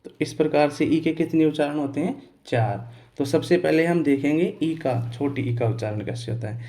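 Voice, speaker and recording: A male teacher explaining pronunciation step by step, asking questions and answering them himself, repeating key words slowly and spelling out letters. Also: fairly high pitch, mellow. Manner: clears his throat now and then. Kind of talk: Hindi lesson on English pronunciation.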